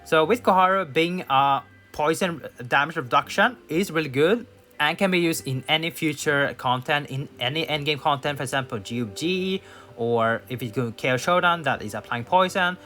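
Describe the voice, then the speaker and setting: Gaming commentator, male, higher voice, casual and thinking aloud, faint music bed. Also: moderate pace, bright, forceful tone. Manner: thinks aloud with fillers and restarts. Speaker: gaming YouTuber. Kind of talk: casual tier list commentary.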